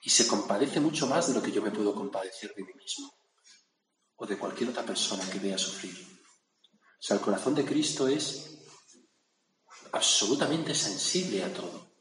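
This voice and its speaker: A man's voice: fairly low pitch, expressive, normal speed, pauses often, a bit bright. A man from gives a reflective gospel sermon. He talks conversationally and often checks in with his listeners. The sound is roomy, with a long hall reverb and faint background noise. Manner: conversational, with asides asking "¿no?". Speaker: preacher.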